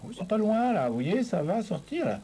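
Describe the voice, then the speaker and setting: A man's voice: high voice, big pitch swings, moderate pace, dark tone, a little hiss or hum. A man coaching a patient through voice exercises, patient and encouraging, often checking that he is understood. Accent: French. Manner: patient, encouraging, repeats "vous voyez" often. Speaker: speech therapist.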